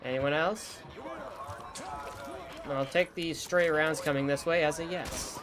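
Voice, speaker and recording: Loud gunfire and explosions from the game fill the background as this man casually comments on his shooter, dryly bantering with its characters in a voice still roughened by illness. His voice is a little high, steady in tone, and unhurried.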